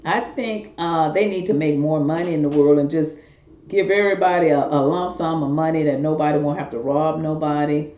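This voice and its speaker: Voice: medium pitch, fairly even intonation, brisk, a little mellow. A middle-aged talk show host giving rambling, earnest, repetitive warnings straight to viewers in a casual monologue. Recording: roomy, dull lo-fi recording.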